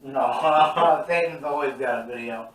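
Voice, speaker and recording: A man's voice: mid-range voice, a little slow, a bit bright, reverberant, far from the mic, rough recording. A man hosting a casual talk show, joking loosely and laughing at himself between segments. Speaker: host.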